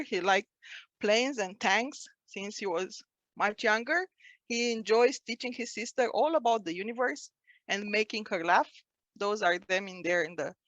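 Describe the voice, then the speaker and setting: A woman's voice: a little high, a bit bright, no echo, dull audio. A woman in her forties, from Romania, giving a prepared personal speech at a speaking club and telling family stories with frequent restarts.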